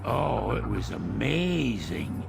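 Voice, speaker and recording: A gravelly old troll sage. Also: male voice, on the low side, big pitch swings, takes it slowly, full character voice. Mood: gruff. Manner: gravelly, boastful, rambling. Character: cranky old male troll scholar. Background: game music.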